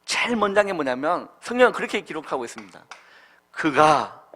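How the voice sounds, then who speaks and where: A man preaching a Sunday school sermon to children, quizzing them with questions and swinging from loud calls to soft murmurs. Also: sits high, sing-song, very fast. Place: church.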